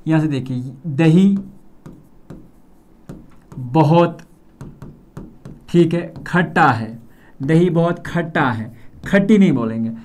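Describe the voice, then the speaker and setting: A young man with a Kashmiri accent teaching a grammar lesson, repeating words slowly and checking in often with "theek hai". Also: a little high, expressive, darkish tone.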